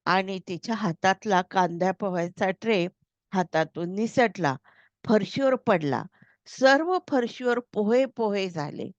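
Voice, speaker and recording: A woman narrating a story in a measured, read-aloud style. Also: mid-range voice, lively intonation, no room sound. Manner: slow, measured reading. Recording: slightly dull, dry recording.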